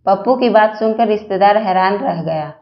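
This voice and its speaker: A woman's voice: medium pitch, normal speed. Woman reading jokes, echoey lo-fi sound. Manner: reads every character in one plain voice. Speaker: joke reader. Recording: echoey lo-fi recording.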